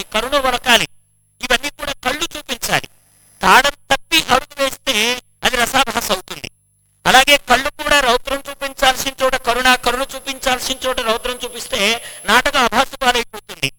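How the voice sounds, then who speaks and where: High, bright-voiced man giving a devotional discourse. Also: smooth, low-quality recording. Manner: expounding with stories and rhetorical questions. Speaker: spiritual speaker.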